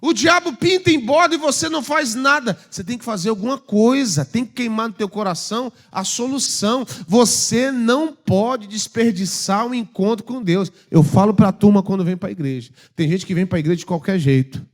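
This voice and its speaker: Brief: Brazilian pastor, high-pitched, fiery sermon delivery that drops to quiet asides. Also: male voice, moderate pace, few pauses. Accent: Brazilian Portuguese. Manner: impassioned preaching, swinging from loud urging to hushed asides. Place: church.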